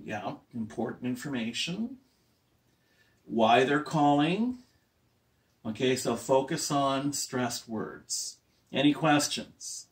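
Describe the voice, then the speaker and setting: Slow, patient man teaching a class. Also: medium pitch, expressive, distant mic. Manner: slow, patient, checks in with "any questions?". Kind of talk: classroom lesson to language learners.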